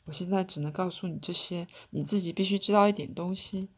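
A woman's voice: fairly low pitch, slightly rough. Woman reading as a flustered boy-spirit. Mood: earnest. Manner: hurried, earnest. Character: spirit in a fourteen-year-old boy's form, flustered.

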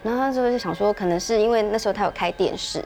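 This woman speaks with a middle, unremarkable pitch. She narrates a ghost story in a casual way, padding it with fillers as she goes. Faint music sits softly beneath her voice. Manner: measured, chatty narration with many fillers. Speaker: podcast co-host.

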